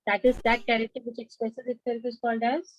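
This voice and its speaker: A woman with an Indian accent delivers an interactive lesson at a very rapid pace, switching between English and Hindi. Her voice is on the high side, and she keeps prompting her students like a teacher checking they follow. The audio is dry and somewhat dull. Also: completely flat delivery, slight background noise. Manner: questioning, prompting students for answers. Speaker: biology teacher. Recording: dull, band-limited lo-fi audio.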